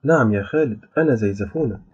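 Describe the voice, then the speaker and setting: A man's voice: mid-range voice, lively intonation, fast, darkish tone, slightly rough. A man voicing a beautiful, playful and proud young female jinn who speaks with a teasing, smiling delivery. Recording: dull lo-fi with faint music.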